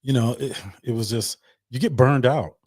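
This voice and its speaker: A man's voice: mid-range voice, moderate pace, a little mellow, no echo, studio quality. Chatty male livestream host. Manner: loose, chatty, repeats words. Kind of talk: casual livestream chat.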